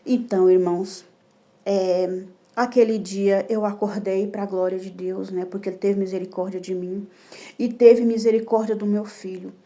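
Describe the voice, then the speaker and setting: Brazilian woman giving a mellow, heartfelt testimony. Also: medium pitch, steady tone, moderate pace. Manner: emotional, repetitive, addresses listeners as brothers. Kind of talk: religious testimony. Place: indoor home room.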